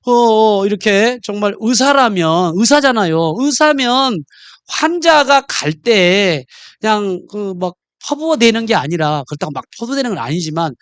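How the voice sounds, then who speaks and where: A man preaching a sermon with a lively, swinging pitch. He keeps firing questions at the congregation. His voice sounds close and dry, with no room echo. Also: moderate pace, clear, resonant tone. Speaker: pastor.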